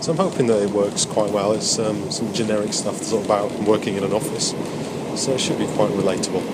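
Man vlogging over loud travel noise. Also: on the low side, brisk. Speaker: amateur stand-up comedian vlogging. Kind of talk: casual video diary. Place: on trains and outdoors in the city. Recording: loud train and street noise behind. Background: loud vehicle and urban noise.

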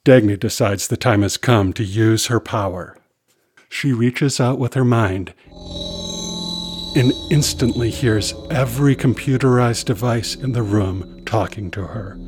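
A man narrating a scripted children's story in an animated, expressive reading voice. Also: mid-range voice, measured pace, music in the background.

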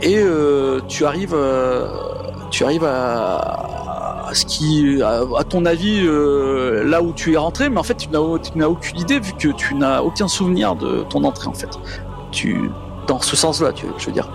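A man improvising tabletop game narration as game master, in a hesitant, halting way, with music behind him. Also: fairly high pitch, lively intonation, gravelly.

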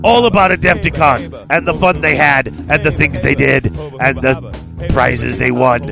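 A man voicing a brash, cranky podcast announcer with a shouty, exaggerated comic delivery. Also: medium pitch, fairly even intonation, measured pace, vocal fry, music in the background, pitched above the performer's own voice. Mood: rowdy, brash. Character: brash, cranky, rowdy show announcer character.

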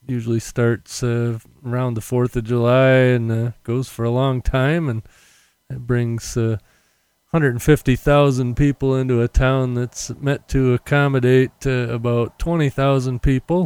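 Casual American male podcaster, smooth mid-pitched voice, loose and self-correcting, dry close condenser mic with popping p sounds. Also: flat delivery, unhurried, darkish tone, dry recording. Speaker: podcast host. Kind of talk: casual unscripted solo podcast chat. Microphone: condenser mic without windscreen.

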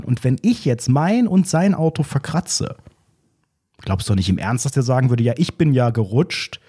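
A man co-hosting a podcast and telling a lively anecdote in casual chat. His voice is husky and sits at a middling pitch. He acts out the other people's lines as he goes. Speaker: podcast co-host.

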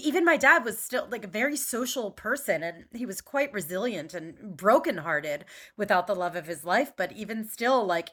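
Bright-voiced chatty woman from Philadelphia. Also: medium pitch. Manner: chatty, many fillers and restarts. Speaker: podcast guest. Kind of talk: casual conversation.

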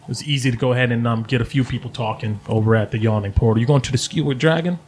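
A man's voice: medium pitch, a little mellow, slight background noise, lightly acted. A man voicing a gaunt, jokey human gang leader with a chummy, teasing manner in a tabletop game. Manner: chummy, teasing, quick to laugh.

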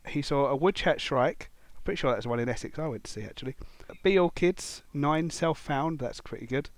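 A man's voice: medium pitch, fairly quick, no room sound. A man hosting a wildlife podcast in casual chat, jokey and self-deprecating, reading out listener messages. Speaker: podcast host.

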